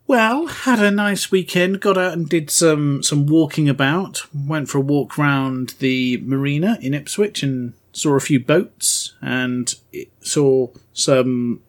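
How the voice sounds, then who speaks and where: A man's voice: fairly high pitch, slow pace, few pauses. A man in his forties chatting casually as a co-host, self-deprecating and laughing at his own jokes. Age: 40s. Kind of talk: casual chat.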